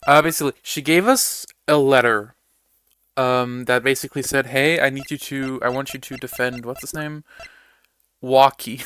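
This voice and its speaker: A man's voice: mid-range voice, fairly bright tone, clean tone, no echo, studio quality. A man chatting casually to his audience while streaming a game, rambling, laughing often and swearing now and then. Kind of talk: casual gameplay chat.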